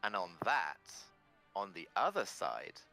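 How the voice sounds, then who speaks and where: A man working as game master, narrating a tabletop fantasy game with dramatic pauses. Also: sits low, wildly swooping pitch, gravelly, sharp tone, soft background music, poor audio.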